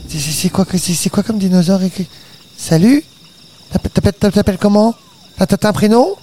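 A middle-aged man improvising an adventure story in dialogue, excitable and comically reluctant, repeating words in quick bursts. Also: high-pitched. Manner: excitable, comically reluctant, rapid word repetition.

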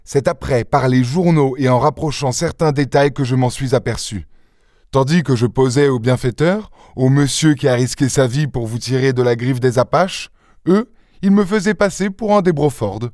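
A man voicing a proud, quick-tempered young gentleman burglar in an audiobook, speaking in a scornful, theatrical way. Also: a little high, dry recording, clean studio sound, natural voice. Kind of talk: audiobook character reading.

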